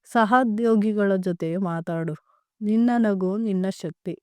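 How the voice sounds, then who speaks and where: A woman's voice: medium pitch, measured pace, warm tone, clear, resonant tone, no room sound, natural voice. Woman doing a teasing older brother. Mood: encouraging. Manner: joking, teasing. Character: young man, teasing playful older brother.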